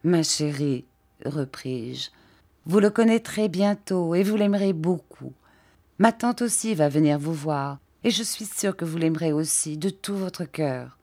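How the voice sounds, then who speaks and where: A woman's voice: low-pitched, measured pace, dark tone. A woman reading an audiobook, voicing an earnest young man speaking tenderly to his beloved.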